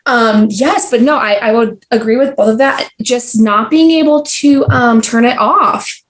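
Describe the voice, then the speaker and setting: A woman's voice: a little high, unhurried. A young adult woman, a podcast guest, talking in a casual, rambling way full of fillers and restarts. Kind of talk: casual conversational interview. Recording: roomy echo.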